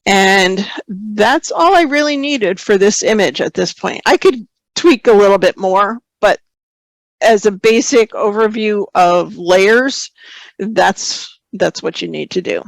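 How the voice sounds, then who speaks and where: A photography webinar host speaks slowly in a mid-range, slightly hoarse voice, sometimes clearing her throat. She walks through a screen-share software tutorial in a relaxed manner, explaining as she goes and reading out viewer questions. The recording is dry, with poor audio.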